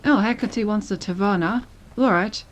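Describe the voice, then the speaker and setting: A woman streaming a game, chatting in a relaxed way and thinking aloud as she plays. Her voice sits at a middle pitch, with faint background noise on a desk microphone. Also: normal speed. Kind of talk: casual gameplay commentary.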